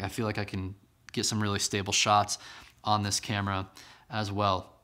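This church media channel host, a man in his thirties, reviews gear casually to camera from a small studio room, captured on a camera-mounted mic. His voice is fairly low and fairly bright, and he talks conversationally and enthusiastically with lots of ums, fillers and restarts.

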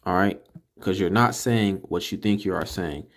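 Teaching Hebrew pronunciation aloud, this deep-voiced Californian man stresses his words forcefully and goes over each syllable again at a slow pace.

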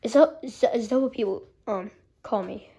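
A woman voicing a slow, dopey male mouse detective plush who talks hesitantly. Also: a little high, dark tone, slightly rough, voice pushed down.

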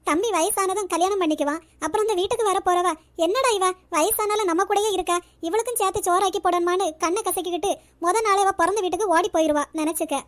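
A woman's voice: very high-pitched, fast. A woman voicing a good-natured mother in a cartoon, practical and joking. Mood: teasing. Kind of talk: cartoon voice acting.

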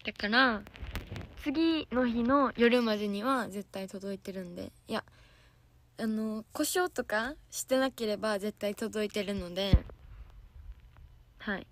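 A hoarse young woman with a Kansai accent, an idol trainee giggling and chatting casually with viewers on a livestream from a soundproof room. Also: a little high, fairly bright tone. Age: young adult.

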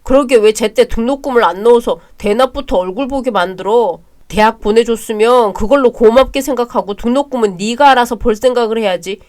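A woman voicing a hot-tempered young husband who shouts harshly and bosses his younger brother around. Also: mid-range voice, moderate pace, few pauses, close to an everyday voice. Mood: angry.

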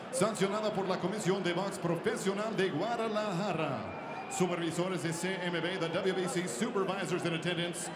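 A man with a high voice announces fighters in a theatrical, booming lucha libre manner. He projects formally and showily over an echoing PA. A huge, noisy crowd roars around him. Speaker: boxing ring announcer. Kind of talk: theatrical bilingual ring announcing with drawn-out name calls. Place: boxing ring in a large indoor arena. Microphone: handheld microphone over arena PA. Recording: echoey PA in loud, crowded arena.

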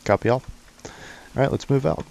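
A man's voice: a little mellow, slight background noise. A man leading a squad in a shooter game, giving clipped orders in military radio style. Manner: clipped commands, brisk and matter-of-fact. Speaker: squad leader. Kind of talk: military radio procedure over game voice chat.

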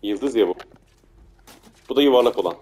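A man casually commenting on his own gameplay, muttering to himself and getting frantic and loud when chased. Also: mid-range voice, brisk. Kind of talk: casual let's play commentary.

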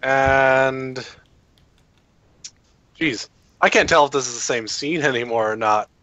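A man's voice: medium pitch, fairly even intonation, slow, bright, forceful tone, dry recording, dull audio. A man playing a tabletop game, chatting casually and thinking aloud in a hesitant way. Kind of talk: casual game-session chat.

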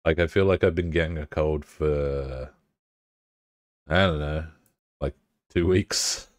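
This is casual live-stream chat from a young man playing a game, full of swearing and relaxed banter with chat while he sounds a bit stuffed up. His pitch is extremely low and fairly even, and he speaks slowly. The sound is studio quality with no room sound.

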